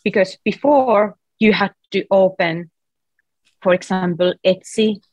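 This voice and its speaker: A woman with a Finnish accent, from Finland, is a friendly interview guest casually describing her app, peppering her explanations with "like." She has a mid-range, slightly slow and mellow voice, captured in a dry, muffled recording.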